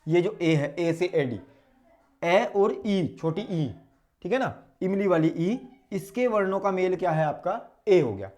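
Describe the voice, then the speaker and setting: A man's voice: high-pitched, expressive. Man drilling vowel sounds aloud. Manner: drills sounds aloud, asks and answers his own questions; repeats vowels slowly and loudly to demonstrate. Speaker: teacher. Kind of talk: online Hindi grammar lesson.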